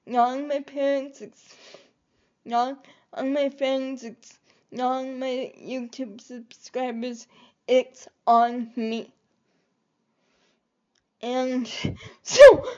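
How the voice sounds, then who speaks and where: A woman's voice: high voice, a little mellow, muffled recording. A woman vlogger talking to her viewers in a rambling, hesitant way, with many fillers and restarts. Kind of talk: reflective personal vlog.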